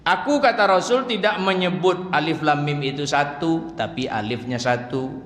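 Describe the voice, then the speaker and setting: Joking preacher in an echoey hall. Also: male voice, fairly high pitch, fairly bright tone. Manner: humorous, chatty, slows to chant Arabic verses. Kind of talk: evening religious lecture. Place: mosque hall. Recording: echoey hall, faint room noise.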